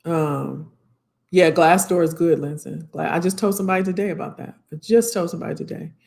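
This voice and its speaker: An American woman hosts a casual live career Q&A, chatting familiarly with viewers in folksy slang and repeating her phrases. Her fairly low, slightly hoarse voice is steady, a little mellow, and fairly quick.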